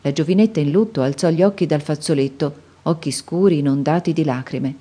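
A woman narrating a classic novel as an audiobook, in a calm, even storytelling manner. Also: low-pitched, brisk, slightly rough. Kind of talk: scripted narration.

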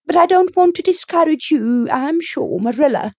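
Lady reading as a nosy old neighbor woman, blunt and pushy, high swooping voice. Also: lively intonation, moderate pace, dark tone, no room sound, studio quality. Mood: gloomy. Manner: outspoken, emphatic, disapproving. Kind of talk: audiobook character reading.

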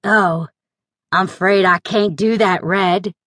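A woman narrator voicing a leering, whining frontier town drunk with a high, giggly drawl. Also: fairly even intonation, slow, fairly bright tone, no room sound, studio quality.

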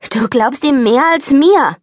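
A woman's voice: mid-range voice, animated, unhurried, a little mellow, breathy edge, no room sound, studio quality. A woman voicing a young boy who is defiant and upset, speaking in indignant outbursts in an audiobook. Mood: upset, pleading.

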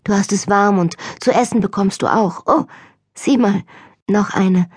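Woman doing young lady, soft, passionate, tender, slightly husky, storybook. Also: medium pitch, unhurried, no echo, clean studio sound. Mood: gentle, soothing.

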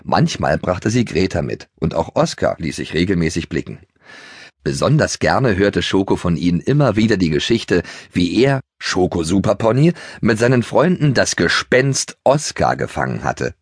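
A man narrating a children's audiobook in a lively storytelling manner. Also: low voice, moderate pace, husky, no room sound. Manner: animated storytelling. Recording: dry studio recording.

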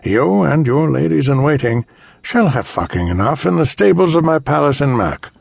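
Cruel emperor all sneers and scorn, a guy putting it on, husky, higher and louder than the narration. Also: big pitch swings, moderate pace, no room sound, full character voice. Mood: mocking. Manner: taunting, condescending.

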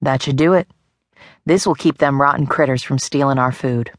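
A woman voicing a big, calm father dinosaur who farms, speaking steadily and proudly in a children's storybook. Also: sits low, slow pace, gravelly, dry recording, studio quality, full character voice.

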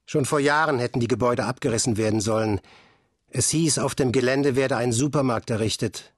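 A man reading a children's story aloud in a calm, measured storytelling manner. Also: medium pitch, slightly rough, no room sound, studio quality. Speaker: audiobook narrator. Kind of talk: scripted audiobook narration.

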